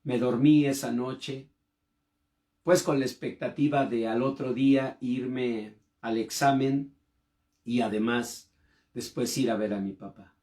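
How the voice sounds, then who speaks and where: Man, pastor's sermon testimony, slow unhurried delivery, emotional swells. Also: steady tone, mellow. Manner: slow, emotional storytelling with sudden rises in pitch and volume.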